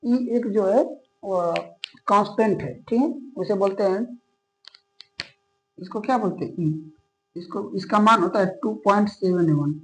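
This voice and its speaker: In a rough recording with a little hiss or hum, a man gives a classroom maths lecture in a high-pitched, somewhat bright voice. He speaks a little slowly with long pauses, patiently going step by step, using English maths terms and often asking "okay?" to check students are keeping up.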